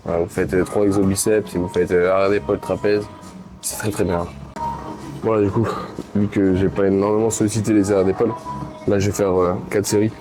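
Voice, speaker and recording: In a gym with loud background music, a deep-voiced man with a Swiss French accent talks casually through his late-night workout for his vlog. He sounds tired, speaks fairly quickly with little pitch movement, and is hesitant and full of fillers.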